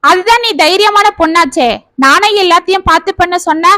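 Woman doing a curt snarky brother, high voice, rushed. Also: bright, forceful tone, no room sound, clean studio sound. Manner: sarcastic, hurried. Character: curt grown son, dismissive brother.

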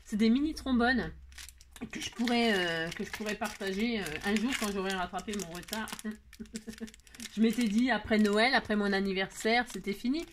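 A woman's voice: medium pitch, normal speed, slight background noise. A woman crafting vlogger chatting casually while she unboxes gifts. She talks in a chatty, exclamatory way, laughs often and keeps adding little tag words.

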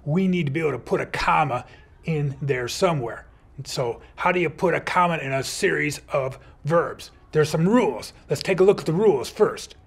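A man's voice: fairly high pitch, normal speed, gravelly, slightly rough. A man teaching kids grammar in a playful, upbeat superhero persona. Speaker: teacher playing a comma superhero. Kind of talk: educational video for kids.

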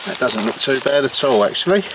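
A man's voice: mid-range voice, lively intonation, a little fast, very noisy. A man, chatting to viewers as he renovates a stone cottage indoors and in a cold garden. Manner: cheerful, talks to viewers as he works. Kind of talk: casual chatty narration while working.

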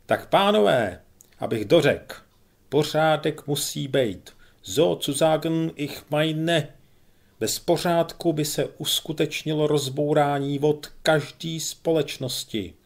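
A man voicing a fat, pompous, tearful town guard commander whose voice trembles, talking higher and louder than his own narration and dropping German words into his speech. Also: gravelly. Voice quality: voice trembles and twangs.

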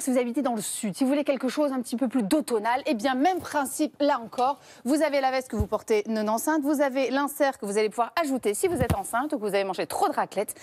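Woman, high voice, playful, chatty TV demonstrator, dry close sound. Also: a little mellow, no echo. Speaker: babywearing expert presenting products. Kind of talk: TV product demonstration. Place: TV studio set.

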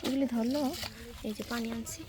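High-voiced woman directing kids outdoors. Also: a little fast, heavy background noise. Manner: lively, bossy instructions to children. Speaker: vlogger. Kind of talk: casual outdoor vlog chat. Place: outdoors, dry rural field.

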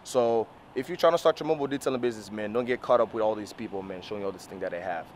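A man's voice: on the low side, racing, a little hiss or hum. A man in his thirties giving a casual instructional vlog, repeating himself as he explains things straight to the viewers, speaking into a camera outdoors. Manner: repetitive, explanatory, addresses viewers directly as "you guys". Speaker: mobile car detailer and video host. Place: outdoors on an open rooftop parking lot beside a van. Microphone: camera mic, mostly handheld at arm's length.

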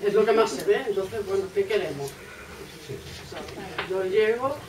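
A woman's voice: mid-range voice, normal speed. A woman on a bookshop author panel, opinionated and posing rhetorical questions. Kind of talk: casual panel discussion. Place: bookshop café, seated at a table. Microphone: far camera. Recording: echoey room, distant mic, noise.

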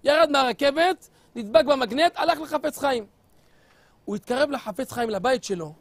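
A man preaching with animated, theatrical storytelling and addressing his audience directly. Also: very high-pitched. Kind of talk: storytelling sermon.

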